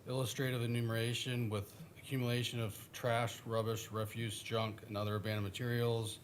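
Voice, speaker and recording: A man's voice: mid-range voice, level tone, brisk, slight background noise. An American man testifying formally as a code enforcement officer. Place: public hearing room.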